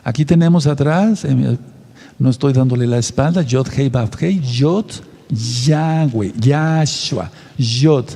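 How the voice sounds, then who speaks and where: A man's voice: mid-range voice, a little slow, creaky, warm tone, in a large hall. A man, a pastor and counselor giving a teaching sermon, repeating his points and asking the audience questions.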